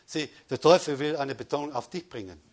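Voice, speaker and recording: A man preaches to his congregation with emphatic, repeated declarations. His voice sits a little high and sounds husky. He swings from loud calls of praise to quiet, pressing asides. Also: fairly quick. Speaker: pastor. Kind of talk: sermon.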